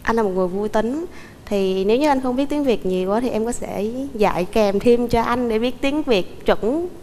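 A woman's voice: on the high side, normal speed, mellow, long reverb tail, a little hiss or hum. A young woman from the Mekong Delta with a southern Vietnamese accent, talking politely and earnestly as a dating show contestant. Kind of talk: polite casual chat.

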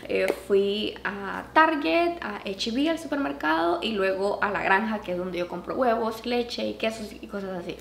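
A woman vlogger and mother telling a story casually to her viewers, animated, with a higher pitch whenever she acts out what others said. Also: normal speed, vocal fry, hardly any pauses. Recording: echoey room with faint background noise.

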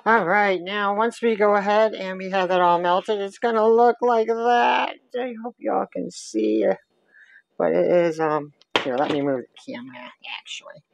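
This casual cooking demo features a woman with a gravelly, medium-pitched voice explaining each step at a measured pace as she stirs in her home kitchen. Her chat is picked up by a camera sitting on the counter.

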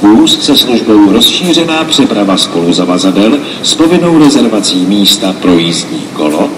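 A man makes a formal, scripted station announcement at a measured, official register. His fairly low voice arrives from a distance with clear echo. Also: sing-song. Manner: formal, measured reading of train information. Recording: noisy echoing station loudspeaker from far off.

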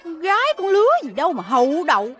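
A shrill nagging Southern mother. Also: expressive, moderate pace, a bit bright. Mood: scolding. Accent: Southern Vietnamese. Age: middle-aged. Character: sharp-tongued middle-aged woman, scolding, doting mother. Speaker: domineering mother and market boss.

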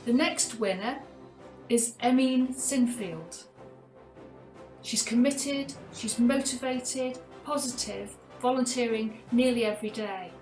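A middle-aged woman presenting awards over a video call, reading each citation at a measured pace. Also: a little high, a little mellow. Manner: measured, reads from a script. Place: attic room at home. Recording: roomy video call audio with music.

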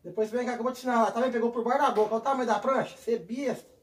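A high-voiced man, filming himself fishing and talking eagerly to his viewers. He records outdoors on a platform over the water with a handheld phone. Faint wind and water noise sit behind him. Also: racing. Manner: excitable, keeps calling out to viewers. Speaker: fishing vlogger. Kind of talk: casual outdoor fishing vlog.

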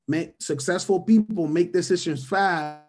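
Soft music plays in the background while a high-pitched, slightly mellow man speaks a little slowly in a motivational mentoring webinar. He is in his thirties, a native Spanish speaker from Venezuela, on a video call via webcam or headset. He repeats his key phrases and keeps checking in by ending almost every point with "right?".

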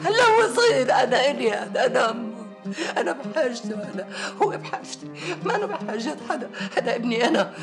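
A woman's voice: sits high, steady tone, fairly quick, music in the background. A sobbing, pleading mother. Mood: sobbing grief. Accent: Syrian Arabic. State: crying. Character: anguished mother losing her grandson, desperate. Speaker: grieving mother in a TV drama.

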